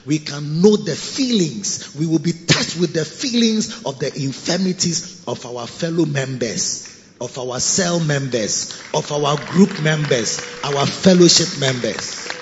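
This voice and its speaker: Male bishop, high and lively preaching voice, booming cathedral echo, muffled recording. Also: a little slow, slight background noise. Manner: animated preaching with sung phrases and sudden drops to soft asides. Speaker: bishop and pastor. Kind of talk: sermon. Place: large cathedral hall. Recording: dull recording with long hall reverb.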